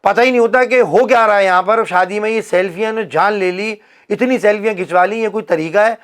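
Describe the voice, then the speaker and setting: A man's voice: high-pitched, fairly quick, a bit bright, smooth. A man, hosting a casual comedic chat and ranting opinions while acting out the voices he quotes. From Pakistan. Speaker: podcast host.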